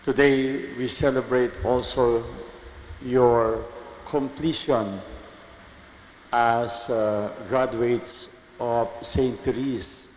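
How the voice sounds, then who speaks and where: A man with a Filipino accent, a priest celebrating Mass in slow, measured liturgical tones, his voice ringing with cathedral echo. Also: medium pitch, steady tone, a little mellow. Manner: slow, measured liturgical delivery, switching between English and Tagalog. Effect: cathedral echo, long church reverb. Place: large church. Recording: echoey church with long reverb, faint noise.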